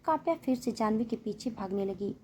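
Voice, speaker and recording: Higher-voiced woman telling a story. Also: normal speed, slight background noise. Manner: expressive storytelling. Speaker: narrator. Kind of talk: storytelling narration.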